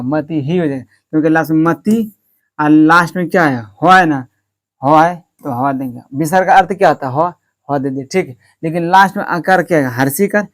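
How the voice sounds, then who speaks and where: A man teaching a lesson. He asks questions and answers them himself, keeps checking with his listeners, and stretches words out slowly to show how they are said. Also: on the high side. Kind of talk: classroom-style lesson.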